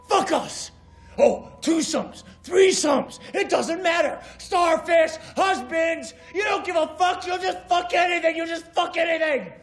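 This is a betrayed family man falling apart, shrieking accusations in a voice strained far above its normal range. He hurls profanity in hysterical bursts. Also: very high voice. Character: frantic betrayed family man, screaming in despair. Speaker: film character.

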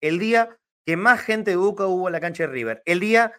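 An Argentine man giving animated, emphatic football talk as a pundit, repeating words to drive his points home. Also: high-pitched, a little fast. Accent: Argentine Spanish.

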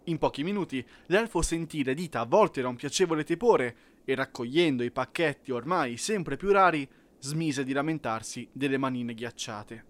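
A man narrating a children's audiobook in an expressive storytelling manner. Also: mid-range voice, normal speed, hardly any pauses.

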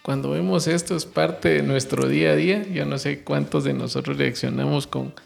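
Gravelly-voiced man co-hosting. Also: fairly high pitch, steady tone, normal speed. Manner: explains with lists and asks "¿verdad?". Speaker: co-host.

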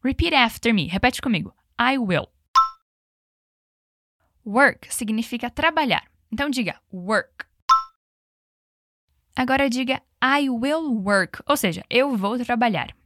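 A woman's voice: fairly high pitch, animated, a bit bright, no room sound, studio quality. Patient woman teaching English drills. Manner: patient, slows down on English phrases. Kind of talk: language lesson with repeat-after-me drills.

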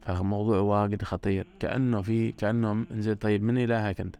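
A man's voice: fairly low pitch, flat delivery, quick pace, dark tone, faint music behind. A man giving an earnest religious talk, stressing points by repeating words. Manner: earnest, repetitive emphasis.

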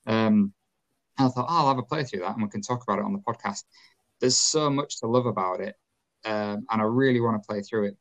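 Chatty Yorkshire man, low voice. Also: highs cut off. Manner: rambling, chatty, quick to laugh. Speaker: podcast co-host. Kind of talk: casual podcast chat.

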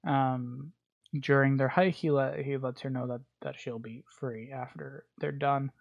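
A man's voice: medium pitch, steady tone, a little slow, vocal fry, highs cut off. A man hosting a podcast alone, recapping a bad movie in a rambling, crude, joking way with lots of fillers. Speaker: podcast host. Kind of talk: casual solo movie recap.

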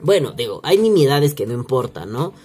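Mexican male podcaster, foul-mouthed rant, mocking put-on voices, mid-pitched, soft music underneath. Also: very animated, moderate pace. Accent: Mexican Spanish. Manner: crude, slangy, mocking, acts out quoted voices. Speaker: vaping podcaster. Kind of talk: profane casual rant. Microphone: single home recording setup.

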